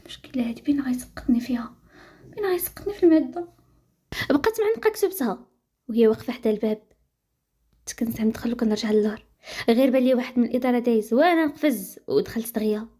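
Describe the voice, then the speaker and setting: Fast-talking Moroccan woman storyteller. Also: on the high side, warm tone, husky. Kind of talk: storytelling narration.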